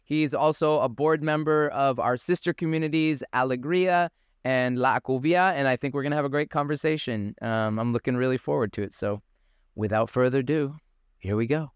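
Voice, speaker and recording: A man's voice: mid-range voice, brisk, clean tone, dry recording, clean studio sound. A man hosting a podcast, chatty and curious, asking questions with lots of fillers. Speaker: podcast host. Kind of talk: casual interview conversation.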